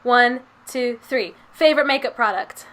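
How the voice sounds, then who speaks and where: A woman hosting a casual interview, answering with quick, encouraging affirmations. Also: a little high. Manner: warm backchannels and quick affirmations, laughs along. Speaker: interview host.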